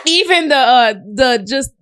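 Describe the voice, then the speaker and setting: A woman's voice: high-pitched, big pitch swings, slow, fairly bright tone, no room sound. Woman podcast host, casual and slangy, teasing, dry close studio mic. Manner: laughs often, playful teasing, slangy.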